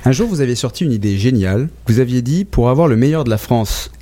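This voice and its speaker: A man's voice: mid-range voice, expressive, fast, dark tone. A man hosting a radio show, asking questions in a conversational interview style.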